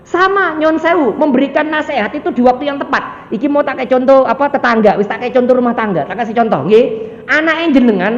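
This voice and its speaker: High-voiced East Javanese preacher in echoey hall. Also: male voice. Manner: lively, jokey, acts out quoted voices. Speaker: ustadz preacher. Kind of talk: mosque sermon. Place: mosque hall. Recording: echoey dull hall sound, faint background noise.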